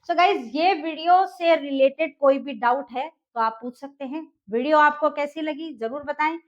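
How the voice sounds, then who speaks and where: A woman's voice: high-pitched, lo-fi sound. A woman teaching English, explaining step by step and asking the class questions she then answers herself.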